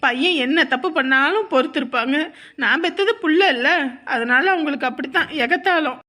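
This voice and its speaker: A woman's voice: high-pitched, fairly quick, bright, forceful tone. A woman voicing a worried village wife in a cartoon, pleading and reasoning. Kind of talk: cartoon voice acting.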